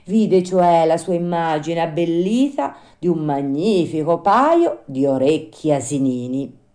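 Female storyteller, lively reading of a children's book, mellow tone, pitch a touch high. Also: unhurried. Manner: expressive, animated storytelling. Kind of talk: reading a children's classic aloud.

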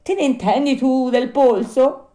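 Storybook: a woman playing a high, wailing wooden puppet boy, tearful and pleading, much higher than her own voice. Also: measured pace, warm tone, roomy sound. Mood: distressed.

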